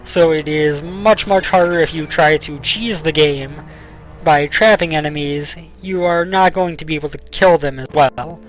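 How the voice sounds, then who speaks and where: A man's voice: fairly high pitch, moderate pace, soft background music, rough recording. A young man giving casual gameplay commentary as a let's play host, explaining at length with frequent ums, and has the hiccups.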